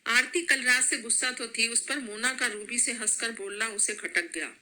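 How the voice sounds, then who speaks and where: A woman storyteller reads a scripted family drama aloud. Her voice is very bright and clear-edged, and her delivery is steady and plain. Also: a little high, moderate pace, poor audio.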